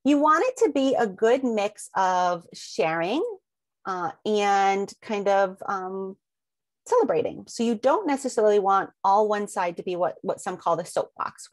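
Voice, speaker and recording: With no room sound, a woman's lowish voice leads a webinar over slides. She strings together a long run of rhetorical questions, says um a lot, and sounds a little sniffly because of allergies.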